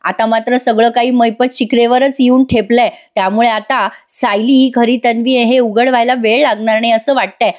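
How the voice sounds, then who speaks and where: A woman giving a voice-over recap of a TV serial, telling it in a lively way and speaking straight to her viewers. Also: on the high side, a little fast, few pauses. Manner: lively storytelling, addresses viewers directly. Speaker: serial reviewer.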